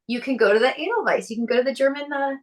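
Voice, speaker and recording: Chatty woman band member, somewhat high voice. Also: very fast. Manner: chatty, enthusiastic, recommends things. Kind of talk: casual chat.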